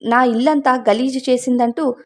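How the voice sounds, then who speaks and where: A woman's voice: sits high, fairly even intonation, moderate pace, lightly acted. A woman doing a harsh scolding employer. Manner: curt and scolding.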